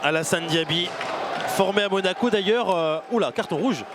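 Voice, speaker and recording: A man's voice: high voice, moderate pace, crowd noise. A man giving live play-by-play commentary on a football match. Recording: clear background noise at outdoor ground.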